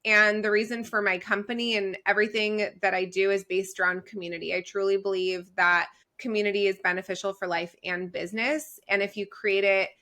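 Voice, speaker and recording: A woman in her thirties, from Israel, speaking as a podcast guest in an energetic, conversational way. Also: medium pitch, fairly quick, few pauses. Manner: energetic, conversational, says "like" often. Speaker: guest, community founder. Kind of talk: podcast interview.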